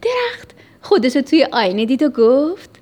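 A woman's voice: high-pitched, very animated, a little mellow. A woman hosting a children's story radio show, telling a story and speaking affectionately to young listeners.

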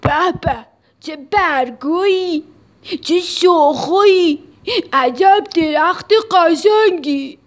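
Woman doing a high-voiced big tree. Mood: delighted. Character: big gentle tree, curious and grateful.

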